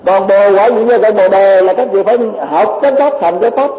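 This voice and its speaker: A man with a high voice delivers a rambling Buddhist dharma talk, circling back and repeating words with many fillers. The sound is dull and lo-fi, with a long hall reverb trailing each phrase. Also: brisk, a little hiss or hum. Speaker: Buddhist teacher.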